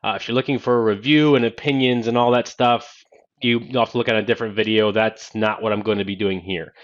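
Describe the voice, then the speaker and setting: Demonstrating a headset for a tech video, a thirty-something man speaks haltingly and casually through that single-ear Bluetooth device in his small indoor home office. His pitch is fairly low and his intonation fairly even, and the sound comes through dull and narrow-band.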